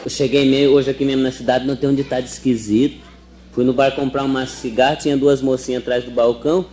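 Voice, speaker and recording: A man's voice: mid-range voice, flat delivery, fast talker, a little mellow, a faint crowd, a little hiss or hum. A man telling folksy jokes in colloquial speech at a live stage show. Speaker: comedian. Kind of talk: stand-up joke telling.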